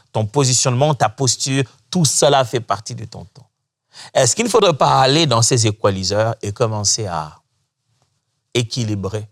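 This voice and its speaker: A man preaching a sermon as a pastor, lively and expressive, acting out the voices he quotes and laughing between points. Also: mid-range voice.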